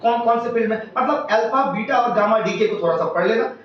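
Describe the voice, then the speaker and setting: A man's voice: high voice, quick pace, slight background noise. A man who teaches physics, giving emphatic exam tips as an interview guest and rattling off lists of topics. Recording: echoey, distant, dull room sound.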